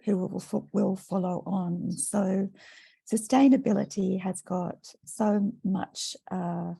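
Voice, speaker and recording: An Australian woman, a teacher educator, speaking in a soft-spoken, thoughtful way during an online presentation. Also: mid-range voice, fairly even intonation, takes it slowly, gravelly, husky. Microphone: video call.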